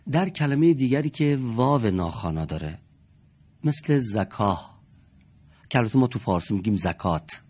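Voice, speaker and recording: A man's voice: sits low, darkish tone, breathy edge. A man teaching a reading lesson in a classroom style, patiently explaining step by step and repeating key terms.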